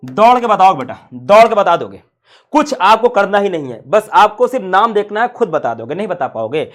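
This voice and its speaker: A man's voice: sits high, very animated, fairly quick, fairly bright tone. A man teaching a science class, playful and full of rhetorical questions to his students.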